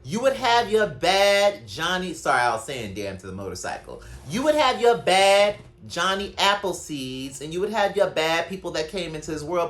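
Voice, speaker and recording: Animated, profane woman podcaster. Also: fairly low pitch. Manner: conversational, digressive. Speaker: podcast host. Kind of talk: casual solo podcast monologue.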